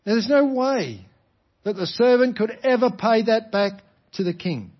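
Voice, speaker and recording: Male preacher, Australian, high-pitched. Explanatory sermon delivery with emphatic repetition and rhetorical questions. Slightly muffled sound. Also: expressive, unhurried. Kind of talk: sermon, explaining a parable to a congregation.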